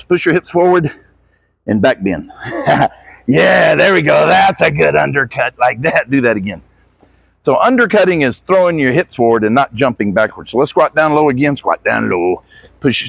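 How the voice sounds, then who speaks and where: A gymnastics coach gives hands-on instruction, demonstrating moves and offering short encouraging corrections to his athlete as asides. His voice is fairly high, gravelly and husky, recorded with no echo.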